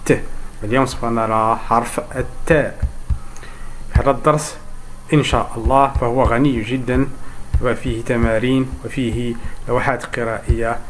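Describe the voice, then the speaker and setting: A man's voice: medium pitch, a little hiss or hum. A man teaching French reading to Arabic speakers, patiently repeating each word and answering his own questions. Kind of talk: slow step-by-step reading lesson.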